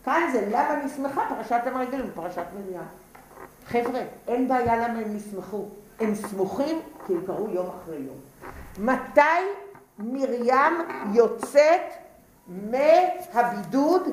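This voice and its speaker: A woman teaches a class, speaking straight to her students and going back over her points. The recording sounds roomy and echoey, with faint noise underneath. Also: a little high. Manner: lively, repeats key points, addresses the class directly. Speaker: Torah teacher.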